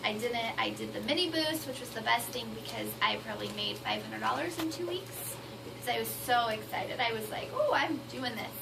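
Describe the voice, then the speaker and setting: Gravelly high-voiced chatty woman. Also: expressive, fairly quick. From Colorado. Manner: chatty, laughing, acts out her own past thoughts. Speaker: speaker sharing her story on stage. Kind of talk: personal testimonial to an audience. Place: indoor meeting room with an audience. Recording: distant mic, noisy room.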